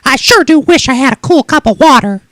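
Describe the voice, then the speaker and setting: Storybook boy, honest and polite: high, bright, lively. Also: fairly quick, no echo, studio quality, exaggerated voice. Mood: earnest. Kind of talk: storybook read-aloud.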